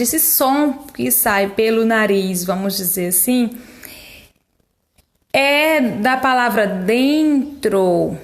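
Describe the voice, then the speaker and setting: A woman teacher with a fairly high voice walks young children through their workbook at an unhurried pace. She draws out syllables slowly to model each sound and softens her words with affectionate diminutives. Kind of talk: slow, patient workbook explanation for young children.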